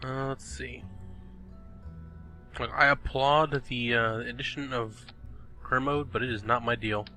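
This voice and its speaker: A young gaming video host, sniffly as he recovers from a cold, thinks aloud and exclaims at the game in casual, chatty commentary. His medium-pitched voice is pushed and bright, fairly even, at a measured pace with long pauses, over faint background music.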